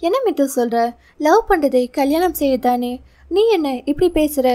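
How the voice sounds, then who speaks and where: A woman's voice: high voice, expressive, normal speed, mellow. A woman reading the part of a caring young female friend who keeps asking probing questions. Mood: coaxing. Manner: questioning, coaxing.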